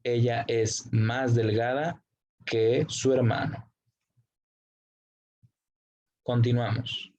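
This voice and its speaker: A man teaching an English grammar lesson, slowly explaining the rules, spelling out letters and translating every example. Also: mid-range voice, flat delivery, a little mellow, muffled recording.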